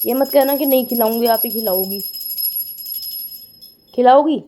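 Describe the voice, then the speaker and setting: A woman's voice: on the high side, normal speed, warm tone, soft background music. A teenage girl vlogging at home with her mother, chatty and giggly, playfully protesting. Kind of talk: casual family vlog chat.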